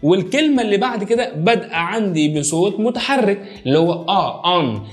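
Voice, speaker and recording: An energetic man with an Egyptian Arabic accent teaches English at a whiteboard, his fairly high voice rising and falling with animation. He drills each phrase by repeating it slowly, with faint music underneath. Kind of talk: whiteboard language lesson.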